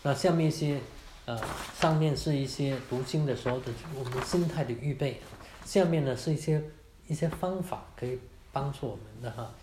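A man leads a church class on Bible reading in an easy, conversational way, ending lines with soft particles and slipping in English words now and then. His voice sits at a middling pitch. The room adds a clear echo and a faint hiss behind him. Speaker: baptism class teacher. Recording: echoey room.

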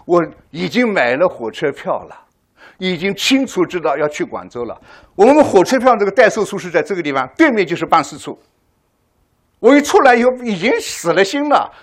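Older male preacher giving a testimony sermon, lively and fast, acts out the people in his story. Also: a little high. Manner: animated storytelling, acting out voices; frequent rhetorical "right?" to the audience.

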